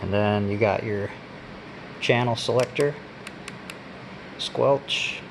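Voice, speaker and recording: It's a casual gadget demo from a male reviewer whose voice is lowish and gravelly. He hasn't scripted anything and pauses haltingly while handling items, all over a persistent hum and noise.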